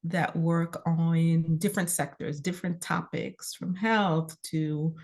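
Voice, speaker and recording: A woman's voice: low-pitched, steady tone, takes it slowly, darkish tone. A woman hosting a conversational interview, encouraging her guest and affirming her with frequent murmurs. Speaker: interview host.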